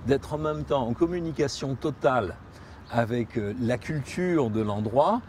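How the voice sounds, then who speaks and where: Searching for words, a Spanish-speaking man in a reflective documentary interview pauses, repeats and rephrases in a thoughtful, halting way. He speaks in a mid-range voice with a darkish tone, over a little hiss or hum.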